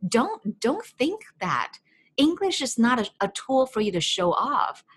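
A woman's voice: fairly high pitch, a little slow, slightly rough. A woman with a heavy Chinese accent, talking as a language coach and giving casual, chatty advice. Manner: animated, chatty, frequent fillers.

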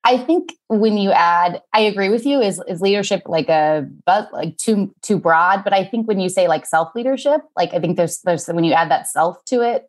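A woman's voice: mid-range voice, moderate pace, hardly any pauses. A woman therapist, a guest on an interview show, agreeing readily and musing aloud in casual conversation.

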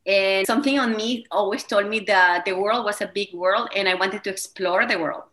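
A wellness coach in her thirties with a Venezuelan Spanish accent, speaking English as a second language, talks enthusiastically as a guest in an interview conversation. Her mid-range voice is a bit bright at normal speed, with slightly non-native phrasing.

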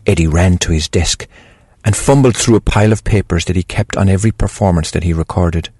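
A man hosting a show who reads short stories aloud in a calm, unhurried storytelling manner. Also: low voice, husky, no echo, studio quality. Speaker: host and storyteller.

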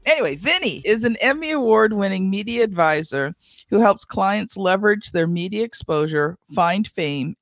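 A woman hosts a podcast interview in a friendly, conversational way. Her voice is low and a bit rough today, and the sound is dry and close. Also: no room sound. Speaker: podcast host. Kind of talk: casual interview chat.

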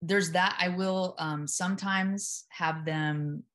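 Speaking in a naturally low voice, this woman from Memphis in the US South is a guest on a casual interview, where she works as a hypnotherapist at a psych hospital. She talks calmly and steadily, choosing her words deliberately.

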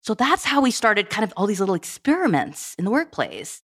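A middle-aged woman speaks as a guest on an interview podcast. She talks quickly and tells her story in an animated way, acting out the lines of the people in it. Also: medium pitch. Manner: fast, animated storytelling with quoted dialogue. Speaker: guest, program management director.

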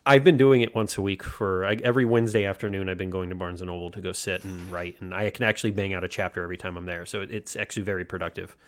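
A man chats casually as a podcast co-host. He has a lowish voice and tells an anecdote with energy, slipping into the voices of the people he quotes. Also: rapid-fire, few pauses. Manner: animated anecdote telling, acts out quoted voices. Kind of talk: casual storytelling chat.

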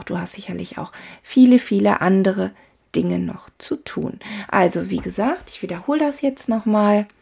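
Female coach, unhurried spoken lesson, gravelly, plenty of fillers. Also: medium pitch. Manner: calm, talks to the listener directly, many "ne?" tags and fillers. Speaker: body language coach. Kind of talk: spoken lesson on body language.

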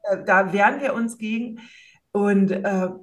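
A woman hosting a podcast and coaching mothers, talking in a relaxed, conversational way. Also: medium pitch, a little slow. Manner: conversational, affirming listener. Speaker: podcast host and parenting coach.

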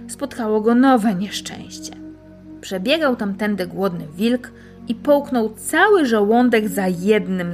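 A woman reading a fairy tale aloud and then reflecting on it in a calm, measured, gently instructive way. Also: medium pitch. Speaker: storyteller and spiritual teacher.

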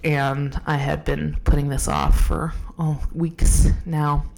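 A woman's voice: deep voice, level tone, takes it slowly, creaky, a little mellow, rough recording. A woman hosting a podcast while sick, talking off the cuff in a rambling, self-deprecating way, recorded on a phone at home. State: sick, losing her voice. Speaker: podcast host. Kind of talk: unscripted casual monologue. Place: home, downstairs room.

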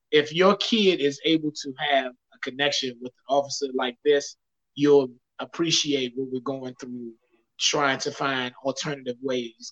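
A man's voice: medium pitch, a bit bright, rough recording. A man hosting a live talk show, chatting casually and energetically with his guest. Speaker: show host.

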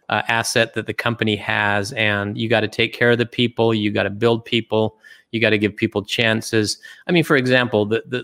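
Speaking casually as an interview guest, a middle-aged man from Utah is reflective, halting and prone to many restarts. He has a fairly low, clear and resonant voice with a fairly bright tone.

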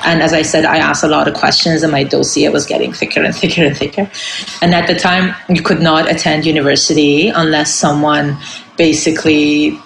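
A woman's voice: deep voice, flat delivery, brisk, gravelly, echoey room, a little hiss or hum, poor audio. A middle-aged woman from Iran, a guest artist telling her story in an interview, reflective and full of fillers. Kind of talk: conversational interview.

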